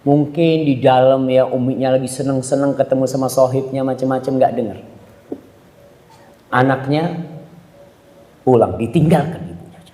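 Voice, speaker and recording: A man's voice: fairly even intonation, moderate pace, pauses often. A man preaching a sermon to a congregation, telling stories and acting out the voices of the people in them. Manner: storytelling, acting out quoted voices with sharp pitch jumps; addresses the congregation directly. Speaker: Islamic preacher. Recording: roomy hall reverb.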